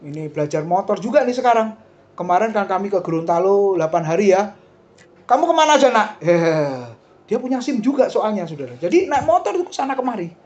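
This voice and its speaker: Middle-aged man, Indonesian accent, sermon, lively questioning delivery, slightly dull sound. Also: high voice, fast. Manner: lively, talks straight to the congregation with asides and questions. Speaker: preacher.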